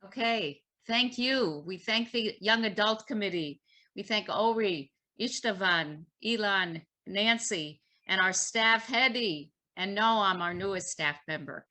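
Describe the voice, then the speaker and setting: A woman moderating a video call meeting, briskly thanking people and introducing speakers. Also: mid-range voice, bright, forceful tone.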